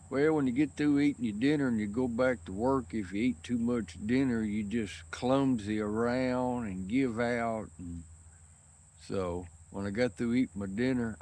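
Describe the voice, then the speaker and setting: Tired and sweaty after working, a man with a mid-range, slightly mellow voice vlogs outside in the wind. He rambles folksily, country-style, about his pipe.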